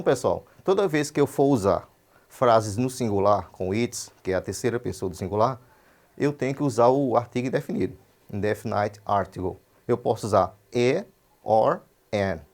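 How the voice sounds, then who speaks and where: A Brazilian male English teacher giving a broadcast lesson. He explains quickly in Portuguese, says the English examples slowly and carefully, and often checks in with "certo?". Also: medium pitch, a little mellow. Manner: switches between quick explanation and slow, deliberate English examples; checks understanding with frequent "certo?".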